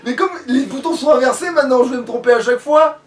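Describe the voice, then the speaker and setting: A woman's voice: high-pitched, fast. A woman casually commenting on a video game, grumbling, muttering and swearing. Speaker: gamer doing a let's play. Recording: roomy, distant mic, game music behind.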